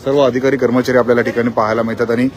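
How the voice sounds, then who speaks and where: A man reporting live from the scene of a factory fire, in a quick, repetitive on-the-spot news style. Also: mid-range voice, little pitch movement, a little mellow. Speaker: field reporter.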